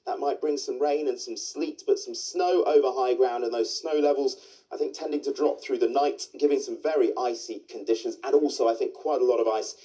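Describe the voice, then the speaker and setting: Man, TV weather presenter, mellow husky tone, relaxed forecast delivery. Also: medium pitch, fairly quick, low-quality recording. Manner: steady, conversational forecasting with small restarts. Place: television studio.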